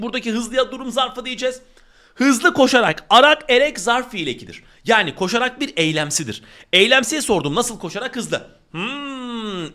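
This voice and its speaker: A man teaching a grammar lesson, talking straight to his students in an emphatic, animated way. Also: high-pitched. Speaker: Turkish teacher.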